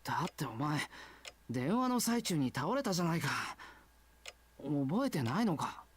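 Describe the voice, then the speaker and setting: A woman's voice: sits low, sing-song, fast, no room sound, full character voice. A woman voicing an earnest teenage boy in a visual novel, blunt and worried, calling out urgently. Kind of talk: Japanese game voice acting. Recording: game audio with clear music behind.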